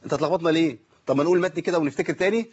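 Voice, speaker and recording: A man's voice: a little high, racing, a little mellow, husky. A man with an Egyptian accent teaching Quran recitation in an online lesson, asking questions and answering them himself. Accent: Egyptian Arabic. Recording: dull lo-fi call audio.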